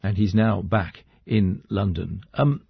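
Low husky-voiced male radio host. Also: no echo, muffled recording. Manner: measured, conversational, with hesitations. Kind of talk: radio current affairs presenting.

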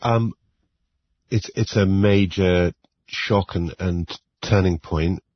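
Man, journalist on the line, very low flat voice, frequent restarts, dull remote sound. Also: slow, no echo. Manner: repetitive restarts, serious.

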